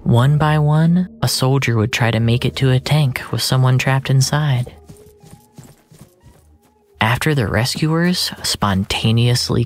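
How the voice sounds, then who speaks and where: Narrating literary fiction in the first person, this storyteller speaks at a medium pitch with a deliberate, brooding delivery, and lines trail off into a soft breath.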